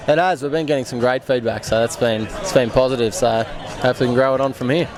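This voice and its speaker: A man's voice: mid-range voice, fairly even intonation, fast talker. An easygoing Australian man chatting casually as an apprentice brewer being interviewed. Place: outdoors at a beer festival. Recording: outdoor event with crowd behind.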